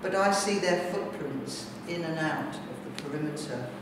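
A poet, a middle-aged woman with a British accent and low voice, addresses an audience with a poetry reading and reflective talk in careful, measured phrases. The setting is a large, bare indoor gallery with brick walls, picked up by a distant camera mic that makes the hall sound very echoey and noisy.

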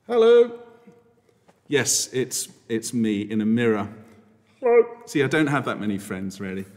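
A priest giving a playful, jokey school assembly talk and asking the children questions. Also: male voice, lowish voice, animated, moderate pace. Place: church. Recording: reverberant church.

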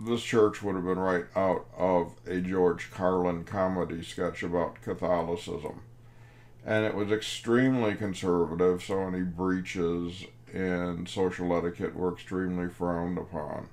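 A man in his fifties lectures like a professor, spinning a wry anecdote. His voice sits low, and he takes his time. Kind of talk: storytelling lecture.

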